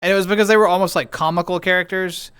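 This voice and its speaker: Young man, streamer, high voice, casual rambling chat, dry close mic. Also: steady tone, rapid-fire, a bit bright, clean tone, no echo. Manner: rambling, chatty, frequent restarts and fillers.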